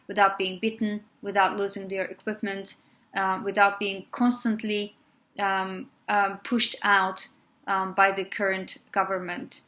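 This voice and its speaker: A woman, an exiled journalist speaking earnestly in an interview, pausing often on "um". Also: medium pitch, a bit bright. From Azerbaijan. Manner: hesitant, many ums, earnest. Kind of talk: interview statement.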